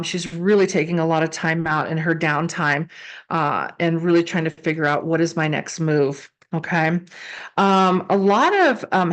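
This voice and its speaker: A woman giving a casual, improvised tarot reading, speaking conversationally and repeating phrases for emphasis. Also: on the low side. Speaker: tarot card reader and psychic.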